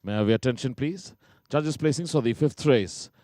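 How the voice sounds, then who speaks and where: Male PA announcer through loudspeakers, measured and formal, dry sound. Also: medium pitch, no echo. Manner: slow, measured, calling out each item separately. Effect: heard through loudspeakers at a distance. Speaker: racecourse public address announcer.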